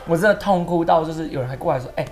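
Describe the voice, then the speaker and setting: A woman guest telling stories in an interview, animated and emotional, sometimes tearful. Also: low-pitched, very fast, music in the background. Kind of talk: storytelling interview.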